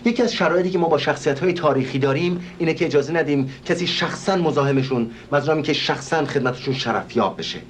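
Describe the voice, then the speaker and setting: A man's voice: fairly high pitch, hardly any pauses, slight background noise, close to an everyday voice. An actor playing a flustered, overly polite male organizer in a stage comedy, talking formally and stammering as he tries to placate a visitor. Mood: placating.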